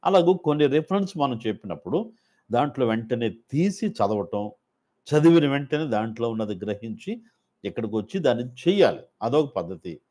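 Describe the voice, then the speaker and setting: A man's voice: medium pitch, sing-song, normal speed, darkish tone. A man training Sunday school teachers, explaining methods step by step in a loose, informal way. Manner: explains step by step, with many fillers and restarts. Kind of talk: instructional talk.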